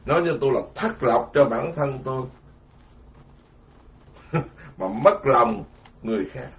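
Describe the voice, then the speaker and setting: A man's voice: mid-range voice, lively intonation, measured pace. A man giving a sermon as a Buddhist monk, colloquial and self-mocking. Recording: dull lo-fi sound.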